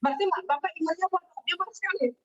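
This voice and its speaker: Woman guest, high voice, animated storyteller, distant lo-fi webinar audio. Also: very fast. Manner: animated, acts out quoted voices. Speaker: guest telling her success story. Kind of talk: casual storytelling.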